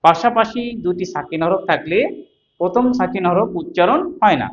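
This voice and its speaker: A man teaching Quran reading, patiently sounding out each syllable several times in a slow spoken lesson with a Bangladeshi Bengali accent. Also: high voice, dull audio.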